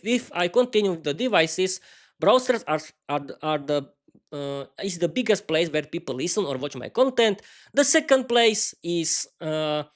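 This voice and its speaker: A Slovak man speaking non-native English, hosting an unscripted solo podcast, with halting phrasing, frequent restarts and fillers, and cheerful bursts of thanks to his listeners. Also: a little high. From East Slovakia. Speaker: podcast host.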